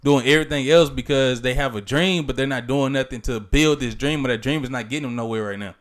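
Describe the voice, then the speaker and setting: A man's voice: mid-range voice, quick pace. A young man co-hosting a podcast in casual chat, emphatic and teasing, leaning on catchphrases like "you feel me". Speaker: podcast co-host.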